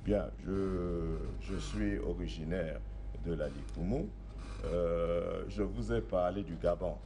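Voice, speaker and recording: Low-voiced and slow-paced, a middle-aged Congolese man who is a traditional spiritual master answers interview questions. He's from the Republic of the Congo and speaks in an insistent, assertive way, repeating points.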